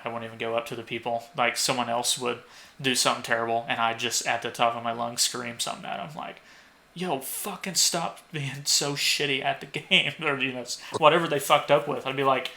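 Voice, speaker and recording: Gravelly, sharp-toned young man swearing. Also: medium pitch, fairly even intonation, brisk. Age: young adult. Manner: rambling storyteller, swears a lot, acts out quotes loudly. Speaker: podcast co-host. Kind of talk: casual podcast chat.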